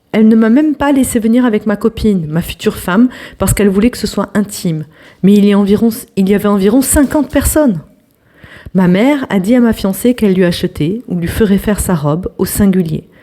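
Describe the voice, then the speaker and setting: In a mid-range voice, a young woman acts as a storytelling host and reads an online post aloud. She delivers it with energy, including a few hushed asides and friendly comments to her viewers.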